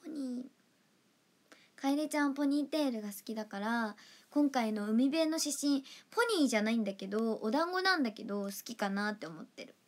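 A young adult woman hosts her own idol livestream from an indoor room, reading fan comments in a fairly high, lively voice that runs a little fast. She's affectionate and giggly, sometimes sinking into a soft whisper. The audio comes through a basic phone or webcam mic.

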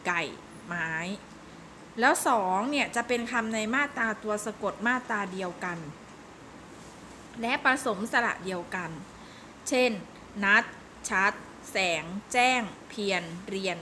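A woman's voice: medium pitch, measured pace, pushed and bright, a little hiss or hum. A woman teaching a recorded lesson to young primary pupils, explaining patiently and step by step. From Thailand. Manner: patient, explains step by step with frequent polite particles.

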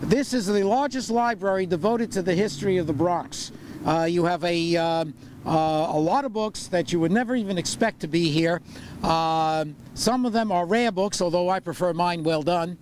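Walking a wintry city sidewalk, this older tour guide and borough historian speaks at normal speed in a high-pitched, darkish voice, rambling through fillers and dry puns. He holds a handheld microphone, but the recording comes from a distant camera mic with street noise.

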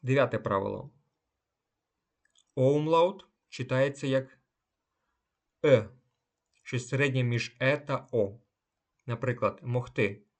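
Guy teaching a language lesson, slow and careful, pauses after each word, medium pitch. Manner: slow and deliberate, pausing between words and examples. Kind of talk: instructional explanation of German pronunciation rules.

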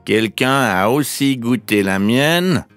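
A man voicing a fussy middle-sized bear in a children's storybook, with a plaintive, lively pitch. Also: slow pace, clear, resonant tone, no echo, soft background music. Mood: complaining.

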